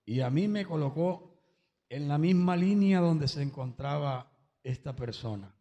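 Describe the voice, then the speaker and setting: A man's voice: on the high side, animated, unhurried, mellow, in a large hall, muffled recording. A man giving an emotional religious testimony at a church service, breaking into exclamations of praise.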